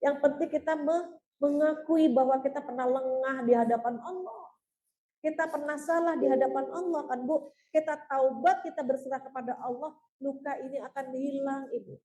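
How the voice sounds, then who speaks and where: Warm-voiced woman religious teacher, echoey hall. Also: high-pitched, moderate pace. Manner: storytelling, keeps addressing listeners as "Bu"; earnest, heartfelt. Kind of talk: religious talk answering audience questions.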